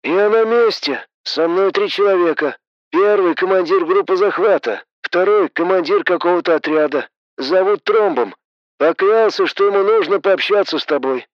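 A man reading an audiobook, voicing a soldier who gives a brisk report over a walkie-talkie. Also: high voice, no echo, lo-fi sound, pitched above the performer's own voice. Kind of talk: audiobook narration.

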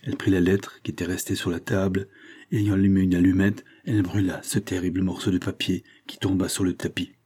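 A man reading a classic novel aloud as narrator, in a measured, even storytelling manner. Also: deep voice, slightly rough. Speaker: audiobook narrator.

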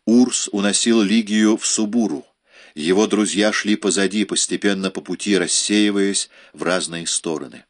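Guy with a lowish voice reading an audiobook, measured and dramatic. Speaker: audiobook narrator. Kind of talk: scripted narration.

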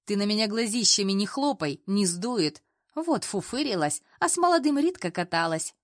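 A woman's voice: medium pitch, lively intonation, normal speed, no room sound, studio quality, lightly acted. A woman voicing an older female cleaner who is cheeky, folksy and mocking. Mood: teasing. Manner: folksy, teasing.

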